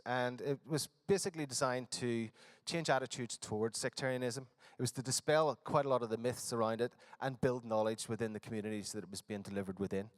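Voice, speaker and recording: A conference speaker with a Northern Irish accent, originally from Northern Ireland, gives a workshop presentation in a conference hall. His mid-range voice is hesitant, full of fillers and false starts, and there's no room sound in the recording.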